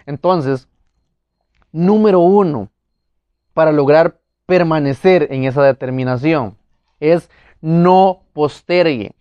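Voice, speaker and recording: A man's voice: a little high, takes it slowly, pauses often, smooth, dry recording, lo-fi sound. A man preaching a motivational sermon, talking earnestly and with emphasis, speaking straight to his listeners.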